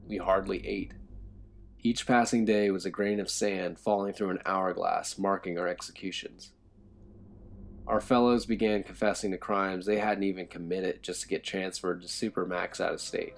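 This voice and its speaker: A man narrating a horror story in a low, tense storytelling manner. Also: gravelly.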